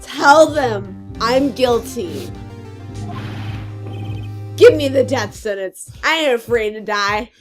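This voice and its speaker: A woman's voice: on the high side, lively intonation, slow pace, pauses often, faint music behind. A woman voicing a distraught, melodramatic young man in an amateur reading of game dialogue. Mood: despairing. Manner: loud, overwrought, wailing.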